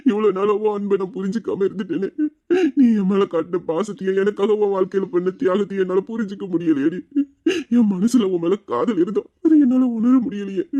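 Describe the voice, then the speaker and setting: A man's voice: sits high, brisk, dark tone, highs cut off, natural voice. A man playing a remorseful husband who sobs and pleads with his devoted wife in an audio drama, his voice breaking between laughter and tears. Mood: sobbing.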